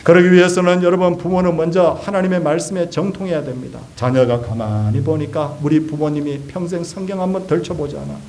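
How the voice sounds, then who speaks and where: Male pastor, sermon, fairly high voice, animated delivery, rhetorical questions, acts out quotes. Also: brisk, few pauses.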